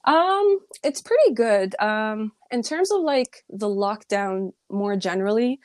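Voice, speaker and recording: A young woman from the Middle East or North Africa talks through her days in a loose, reflective way, full of ums and likes. Her voice sits at an ordinary pitch and sounds close and dry, with no room around it. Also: animated, slow, dry recording. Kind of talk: casual chat.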